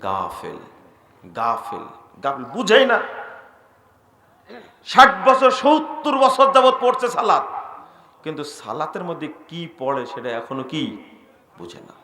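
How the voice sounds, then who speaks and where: A male Islamic preacher giving an emphatic sermon, repeating phrases for stress and swinging between loud and quiet. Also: a little high, wildly swooping pitch, slow pace, pauses often, roomy sound. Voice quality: quotes Arabic passages.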